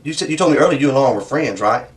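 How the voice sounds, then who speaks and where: A man's voice: medium pitch, animated, racing, recorded from a distance. A man with a Southern US accent questioning someone as a police interrogator, persistent, probing and folksy, often repeating answers back as questions.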